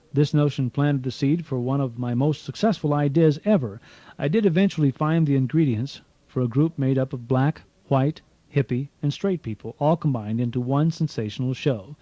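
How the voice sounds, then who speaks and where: A man's voice: mid-range voice, warm tone, no echo, dull audio. A man reading his own memoir as an audiobook, telling it earnestly with dry asides, heard from a cassette tape recording. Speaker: author narrating his memoir.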